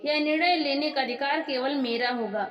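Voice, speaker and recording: A proud, quick-tempered young wife who answers in a sharp, indignant way, voiced by a woman telling the story. Her voice sits high. It rings with long reverb in an echoey room. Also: lo-fi sound, lightly acted. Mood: resentful.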